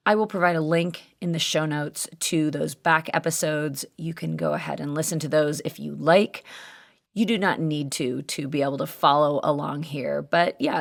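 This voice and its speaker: A woman in her fifties hosting a solo podcast in a conversational, candid way, her voice very gravelly and hoarse from cheering. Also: sits low. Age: 50s. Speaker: podcast host.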